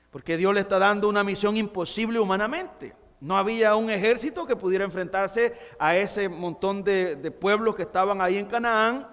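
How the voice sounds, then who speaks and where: A man's voice: sits high, a bit bright, big-room sound. A man pastor preaching a sermon, emphatic and repetitive as he addresses the congregation. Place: church sanctuary.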